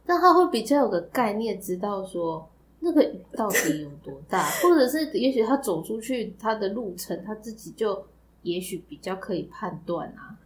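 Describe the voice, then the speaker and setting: A woman's voice: mid-range voice, big pitch swings, normal speed, a little hiss or hum. A woman co-hosting a podcast, teasing her partner in a dry, casual way. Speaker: podcast co-host. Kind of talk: casual chat.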